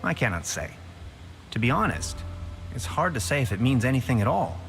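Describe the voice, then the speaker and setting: A man's voice: medium pitch, very animated, brisk, creaky, a bit bright, slight background noise. Hans, a fussy orderly man. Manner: fussy, mutters about clutter and order.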